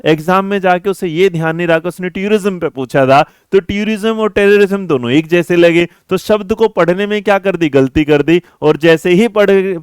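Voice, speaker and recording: A young man runs an online exam-prep class, chatting and teasing his students as if they were his own kids. His voice sits a little high and comes through smooth and clear. The recording is close and dry, with no room sound. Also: no room sound.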